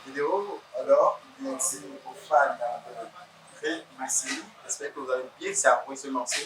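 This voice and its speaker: Man, interview host, hesitant, fillers, roomy echo, loud background noise. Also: mid-range voice, moderate pace. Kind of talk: casual web TV interview. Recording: echoey room, mic far off, loud noise.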